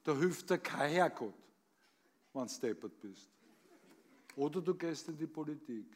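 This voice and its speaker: A man's voice: fairly high pitch, animated, unhurried, slight background noise. A man with an Austrian accent reciting comic poems on stage with a theatrical, emphatic delivery. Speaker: actor reading on stage.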